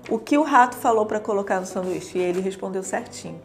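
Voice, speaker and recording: A woman's voice: medium pitch, fast, creaky, soft background music. A young adult woman with a Brazilian Portuguese accent explains teaching materials in a casual, chatty way, often checking in with tag questions.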